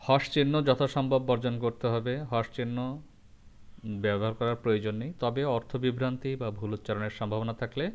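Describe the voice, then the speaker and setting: A man teaching a grammar lesson, going through rules step by step and repeating each example slowly. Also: medium pitch, fairly even intonation, smooth, highs cut off. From Bangladesh.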